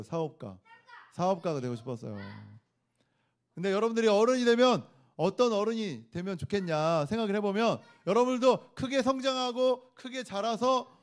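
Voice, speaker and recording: A man, a pastor, giving a children's sermon in a church room, playfully quizzing the kids and having them repeat phrases after him. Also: high-pitched. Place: church worship room indoors.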